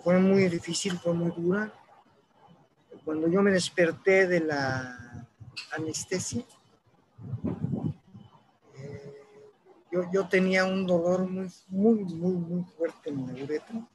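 A man with a Mexican accent speaking in a halting, reflective personal monologue, often ending his points with a questioning tag. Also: sits high, breathy edge, poor audio. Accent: Mexican Spanish.

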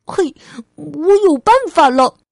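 A curious, anxious little girl from a storybook, speaking in a high, eager child's voice, as a woman reads her lines. Her questions come slowly, one careful word at a time. The sound is dry and close. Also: no room sound. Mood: excited. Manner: asks questions in a higher, louder child voice.

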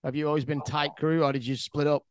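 A man's voice: a little high, little pitch movement, quick pace, a little hiss or hum. A man asking casual interview questions, often stumbling into the start of them.

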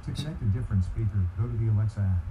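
A male voice assistant speaking even, polite prompts, played out of a Bluetooth speaker across the room. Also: lowish voice, very fast. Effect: played through a Bluetooth speaker. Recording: dull speaker sound from across a room, noise behind.

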